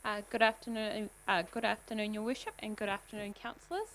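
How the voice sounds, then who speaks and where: A woman with a New Zealand accent, a council staff officer, briefs the councillors in a polite and measured way. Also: medium pitch, fairly even intonation, fairly bright tone, low-quality recording. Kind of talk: formal meeting briefing.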